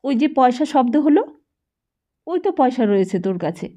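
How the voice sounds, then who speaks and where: A woman voicing a poor, anxious mother who begs and scolds her son in a high, strained voice. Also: very animated, moderate pace, mellow. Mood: scolding. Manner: pleading, raised scolding voice.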